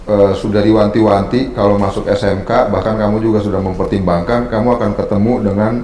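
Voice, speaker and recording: A man hosting a podcast interview, asking brief, steady questions and agreeing often. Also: lowish voice, brisk, roomy sound, long reverb tail, slight background noise. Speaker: podcast host.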